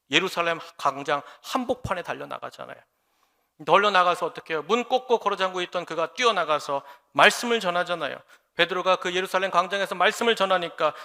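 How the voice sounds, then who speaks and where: A man's voice: high voice, bright, forceful tone. A man preaching a sermon as a pastor, often acting out quoted dialogue. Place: church sanctuary. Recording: long church hall reverb.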